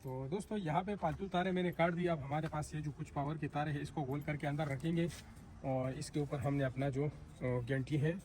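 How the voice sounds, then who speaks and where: Step by step and with plenty of repetition, a man explains his installation work in a relaxed hands-on tutorial right on the job site. Slightly high and darkish, his voice runs a little fast with fairly even intonation, while location noise is clearly present behind him.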